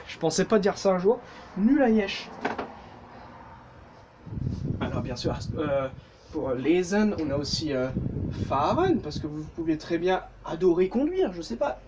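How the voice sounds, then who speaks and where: A man's voice: a little high, big pitch swings, normal speed, background noise. A man with a French accent giving a casual, jokey language lesson, full of fillers and self-corrections. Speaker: German teacher.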